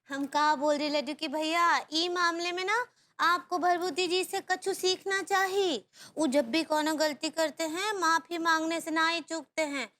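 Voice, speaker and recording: Naive sitcom housewife, very high voice, slow unhurried delivery. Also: female voice, fairly even intonation, pushed and bright, full character voice. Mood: earnest. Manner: naive, rustic, mixes up words. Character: sweet naive young housewife, innocent and earnest. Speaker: sitcom character. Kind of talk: sitcom acting.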